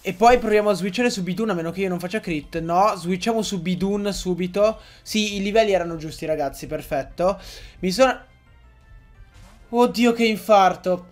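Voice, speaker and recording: A young man giving excitable, joking Let's Play commentary to his viewers, often swearing. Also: sits high, brisk, faint music behind. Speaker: gaming YouTuber.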